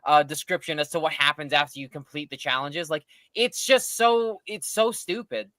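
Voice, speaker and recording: A man's voice: fairly high pitch, normal speed, fairly bright tone, no room sound. A man co-hosting a casual live show, rambling in an exasperated way with lots of fillers. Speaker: podcast co-host. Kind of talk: casual chat.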